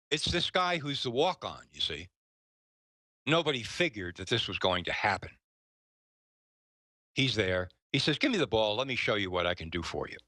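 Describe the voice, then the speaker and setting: A man in his fifties gives forceful, opinionated talk radio commentary in a rather low voice with a bright, cutting edge. He leans hard on his points and jumps up in pitch when he acts out other people's words. The sound is close and dry. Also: no echo, low-quality recording. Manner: emphatic, with animated acted-out quotes.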